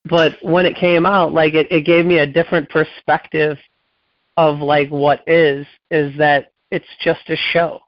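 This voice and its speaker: A man's voice: fairly high pitch, little pitch movement, measured pace, no echo. A man telling a rambling story in casual podcast chat, acting out the quoted dialogue with many "um"s and "like"s. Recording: dull, dry lo-fi audio.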